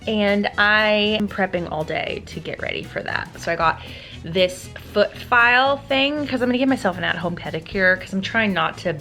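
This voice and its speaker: A woman's voice: mid-range voice, moderate pace, bright, forceful tone, soft background music. A woman lifestyle vlogger talking casually and chattily about her day. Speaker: lifestyle vlogger and event host. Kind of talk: casual chatty vlog talk.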